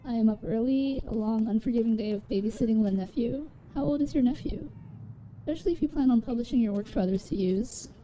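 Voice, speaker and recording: Very mellow woman game streamer, casual. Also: a little high, fast talker, slight background noise, poor audio. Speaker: live streamer. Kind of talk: casual chat while gaming, reading viewer comments.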